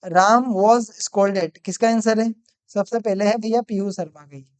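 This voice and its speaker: A man leading a live English lesson on his phone, with a smooth, resonant voice. He repeats each sentence slowly several times. Between sentences he calls out students by name and praises their answers. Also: high voice, steady tone, darkish tone. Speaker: English teacher. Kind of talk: live online class. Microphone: mobile phone.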